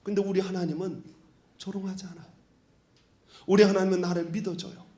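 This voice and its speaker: A male pastor preaching a sermon, moving between shouted prayer and hushed whispers. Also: sits high, steady tone, a little fast. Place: church sanctuary. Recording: echoey church hall.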